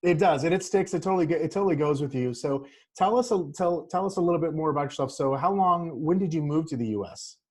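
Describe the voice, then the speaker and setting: A man hosting a podcast, asking questions in a relaxed, friendly way with frequent restarts. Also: on the high side, fast talker, few pauses, husky. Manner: easygoing, repeats and restarts, friendly. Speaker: podcast host. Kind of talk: casual interview.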